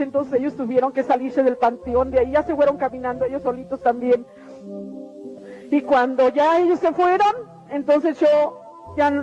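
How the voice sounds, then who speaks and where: A woman's voice: high-pitched, mellow. A middle-aged woman tells her religious testimony in an earnest, repetitive storytelling way. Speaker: testimony speaker. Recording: dull lo-fi radio recording with faint music.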